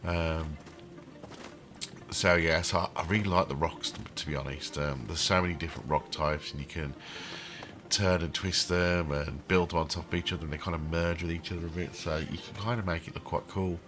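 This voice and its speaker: With a deep, steady voice at normal speed, this channel host, throaty and suffering from a cold, casually rambles over his theme-park build in a game, saying um often.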